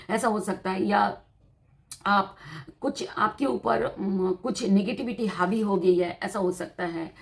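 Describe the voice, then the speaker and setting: Teacherly woman giving a tarot reading. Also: mid-range voice. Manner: explanatory, teacherly, repeats points, mixes in English terms. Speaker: tarot reader. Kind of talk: tarot reading monologue to viewers.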